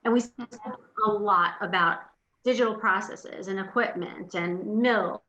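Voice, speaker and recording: Bright-voiced woman hosting a webinar. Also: mid-range voice, measured pace, echoey room. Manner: effusive, thankful, gushing. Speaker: webinar host. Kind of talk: webinar interview. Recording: dull lo-fi call audio with faint noise.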